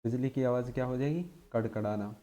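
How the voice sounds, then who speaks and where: A man's voice: medium pitch, steady tone, fast talker, mellow. A man teaching an exam-prep lesson, drilling his points by asking questions and answering them himself.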